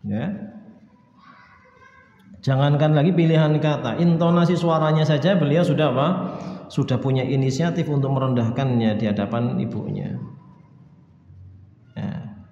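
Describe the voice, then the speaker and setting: A man's voice: mid-range voice, moderate pace, long pauses, mellow, slight background noise. A male preacher, giving a religious lecture. He recites Arabic texts, explains them, and asks the audience questions he answers himself. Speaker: Islamic preacher. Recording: echoey hall, dull sound.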